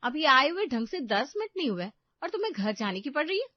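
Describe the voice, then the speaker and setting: A woman voicing a nosy, quick-tempered elder sister-in-law in an animated story, pushy and sharp-tongued. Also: high-pitched, no echo, pitched above the performer's own voice. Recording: dull lo-fi dry recording.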